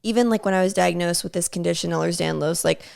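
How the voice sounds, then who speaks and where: Gravelly low-voiced young woman, earnest. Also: fast talker, darkish tone. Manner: earnest, filler-heavy talk with many "like"s. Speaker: actress and podcast guest. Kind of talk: casual interview chat.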